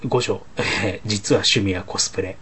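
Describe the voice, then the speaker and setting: A man's voice: on the low side, fairly even intonation, normal speed, fairly bright tone, slight background noise. A man hosting a casual talk show, bantering about anime characters with joking, mock-formal geeky enthusiasm. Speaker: show host.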